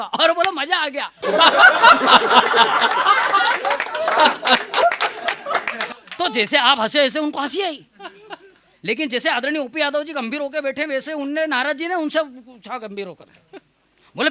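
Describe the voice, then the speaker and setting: A man's voice: very high voice, lively intonation, unhurried, pauses often, bright, forceful tone, a little hiss or hum. A young man, a comic poet, telling self-mocking stories and teasing a live audience from the stage. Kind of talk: stage comedy storytelling.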